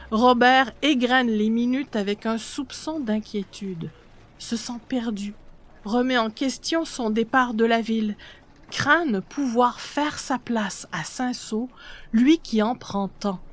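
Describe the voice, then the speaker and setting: A woman narrates a literary story in an expressive reading style. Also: a little high, slow pace.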